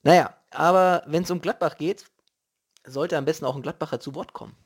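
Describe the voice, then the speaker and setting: A man's voice: on the high side, brisk, husky. A man delivering an opinionated, colloquial football rant, indignant and emphatic, often repeating phrases for punch. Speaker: host of a football commentary show.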